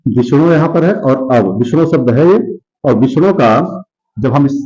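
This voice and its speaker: A man's voice: mid-range voice, expressive, normal speed, warm tone, lo-fi sound. A male teacher giving a grammar lesson, who repeats words and asks and answers his own questions.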